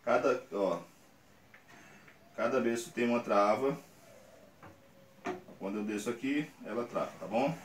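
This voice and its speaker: A man's voice: medium pitch, a little slow, pauses often. Brazilian man, 30s, workshop tutorial host; patient and coaxing, recorded at a distance in a bare, echoing room with faint hiss. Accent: Brazilian Portuguese. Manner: patient, coaxing, explains step by step with frequent "tá?". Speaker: screen printing channel host. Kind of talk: casual how-to demonstration. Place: small indoor print workshop. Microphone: camera on a tripod a few meters away. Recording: roomy, distant camera mic with faint noise.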